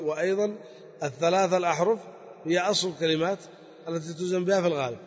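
Husky man teaching in an echoey hall. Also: on the high side, darkish tone. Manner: explains step by step, repeats key words. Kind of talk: spoken grammar lesson. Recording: dull lo-fi recording with long hall reverb.

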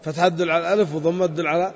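A man's voice: fairly high pitch, fairly even intonation, very fast. A man teaching a grammar lesson to a class, methodically repeating points and quizzing his students. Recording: dull lo-fi sound in a reverberant hall.

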